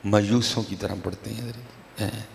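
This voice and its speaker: A man delivering a sermon at a religious gathering, moving between slow chanted recitation and casual, conversational explanation. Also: on the low side, steady tone, creaky. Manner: conversational, repeats "ٹھیک ہے جی". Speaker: religious speaker. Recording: echoey hall, faint background noise.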